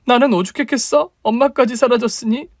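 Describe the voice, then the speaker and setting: A man's voice: extremely high pitch, fairly even intonation, fairly quick, dry recording, clean studio sound, voice pushed up. A man voicing a hurt young woman, the younger sister and a new mother, in a radio drama reading, talking with earnest, wounded questions.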